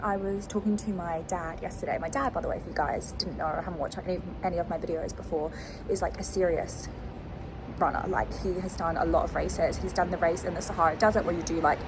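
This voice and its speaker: A woman's voice: fairly low pitch, fairly even intonation, fast, background noise. A young adult woman chatting casually to her viewers as a vlogger. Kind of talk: casual chat to camera.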